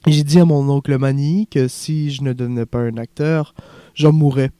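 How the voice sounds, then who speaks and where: A man voicing a young male refugee who dreams of acting, earnest and haunted, in a soft confiding way, for an audiobook. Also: medium pitch, steady tone, moderate pace, smooth, no room sound, natural voice.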